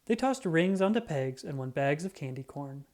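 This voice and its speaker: Acting out the dialogue, a woman with a low-pitched voice narrates a children's book in an expressive, scripted read-aloud style at a normal pace.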